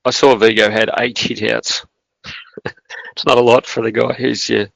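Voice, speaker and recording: A gravelly-voiced Australian man hosts a casual footy podcast. He chats in a loose, joking way with a bit of crude banter. His voice sits dry and close, with no room sound around it. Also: mid-range voice, little pitch movement, normal speed, fairly bright tone, no room sound, low-quality recording. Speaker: podcast host.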